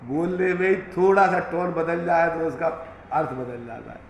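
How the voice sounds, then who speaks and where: A man's voice: fairly high pitch, steady tone, moderate pace, vocal fry. Guy teaching scripture, patient, repeats terms, echoey room with faint hiss. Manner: patient, repeats key terms, folksy examples with chuckles. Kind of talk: explanatory scripture class.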